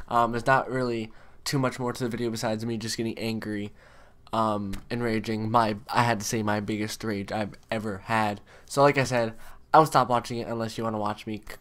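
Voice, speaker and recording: A man in his twenties talking casually to his viewers as a gaming video creator, recorded in a bedroom. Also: on the low side. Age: 20s. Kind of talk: casual chat to camera. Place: bedroom, indoors.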